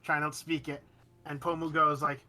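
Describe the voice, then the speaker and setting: Bright-voiced joking male streamer. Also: on the high side, soft background music. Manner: joking, animated, quick self-corrections. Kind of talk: casual chat while gaming.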